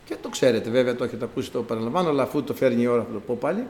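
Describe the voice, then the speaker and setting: A man pastor preaching a sermon to his congregation, swinging between loud exclamations and hushed asides. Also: mid-range voice, reverberant, a little hiss or hum.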